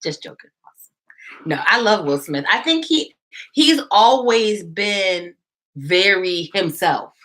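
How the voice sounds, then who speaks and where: A woman co-hosting a podcast in casual chat, animated and opinionated, laughing easily. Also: medium pitch, slow. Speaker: podcast co-host.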